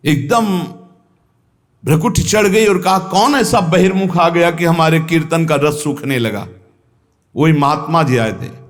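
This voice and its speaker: Emphatic male preacher in a reverberant hall. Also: fairly high pitch. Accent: North Indian Hindi. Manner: earnest, emphatic, repeats key phrases. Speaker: spiritual teacher giving satsang. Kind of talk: devotional sermon. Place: ashram hall.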